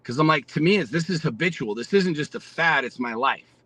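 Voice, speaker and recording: A man's voice: fairly high pitch, expressive, a little fast, pushed and bright, poor audio. A man in his forties, a podcast guest, talking bluntly and with lots of profanity in a fired-up, motivational way. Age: 40s. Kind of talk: casual podcast conversation.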